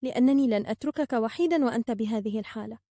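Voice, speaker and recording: A woman's voice: on the high side, rapid-fire, mellow, no room sound, clean studio sound, close to an everyday voice. A woman voicing a kind-hearted, outspoken young girl who is firm yet tender. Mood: gentle.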